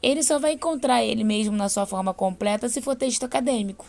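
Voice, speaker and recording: Brazilian lady english teacher, fairly high voice, patient, slows way down for examples. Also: creaky, darkish tone. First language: Portuguese. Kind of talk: online class lesson.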